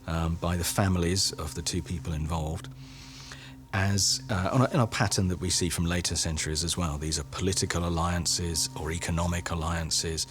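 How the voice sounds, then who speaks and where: Deep-voiced man explaining history. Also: fairly even intonation, fairly bright tone. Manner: thoughtful, with pauses and fillers. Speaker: historian interviewee. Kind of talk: documentary interview.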